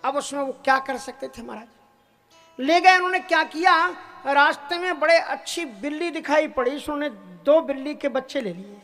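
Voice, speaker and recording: A man with a notably high voice preaching a devotional sermon, spinning a story at a brisk clip and then slowing to intone verses. Quiet devotional music sits underneath his voice. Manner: storytelling that breaks into slow chanted verses.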